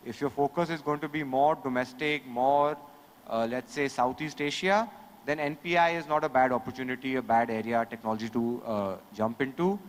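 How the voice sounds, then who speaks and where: A man, answering a panel question in a measured, explanatory way on a conference stage. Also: mid-range voice, fairly even intonation. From India. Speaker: industry panelist. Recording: reverberant conference hall.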